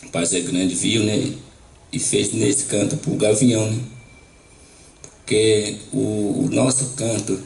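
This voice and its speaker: Slow, gravelly man in an echoey hall. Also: lowish voice, a little mellow, slight background noise. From Brazil. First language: Maxakali. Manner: slow and halting, tags most phrases with a question. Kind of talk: panel talk, retelling a traditional story. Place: university lecture hall.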